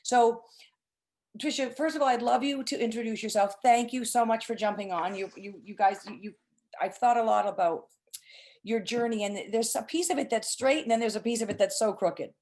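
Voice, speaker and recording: A woman's voice: fairly high pitch, moderate pace, darkish tone. A middle-aged woman hosting an informal webinar, explaining things in an emphatic, chatty and effusive way. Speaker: host, presenter.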